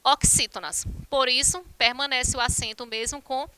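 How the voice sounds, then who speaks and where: A woman's voice: high voice, steady tone, moderate pace, bright, forceful tone, slight background noise. A woman teacher from Brazil giving an online grammar lesson, explaining rules step by step and addressing the class directly. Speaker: Portuguese teacher.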